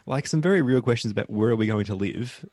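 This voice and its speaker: A man's voice: medium pitch, expressive, quick pace, darkish tone, no room sound. A man co-hosting a podcast, chatting casually and laughing often as he recaps a reality show. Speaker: podcast co-host.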